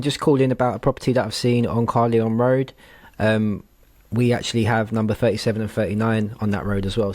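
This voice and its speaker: A man leaving a voicemail about a property in a lowish, easygoing voice. He sounds casual and friendly and pauses often on "um" as he asks to be called back. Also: a little mellow, no room sound. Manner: casual and friendly, with frequent "um" hesitations. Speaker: rent-to-rent property business owner.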